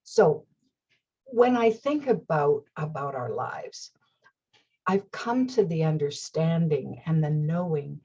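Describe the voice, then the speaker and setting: A woman hosting her own talk show, speaking in a slow, gentle and earnest way, with soft laughs and whispered asides. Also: low voice, husky, muffled recording. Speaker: host. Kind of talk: reflective talk-show monologue.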